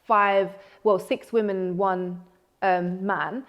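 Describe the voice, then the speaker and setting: A woman's voice: medium pitch, steady tone, slow, highs cut off. Chatty young woman guest. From Netherlands. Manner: chatty, frequent "like" fillers. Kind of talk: casual interview chat.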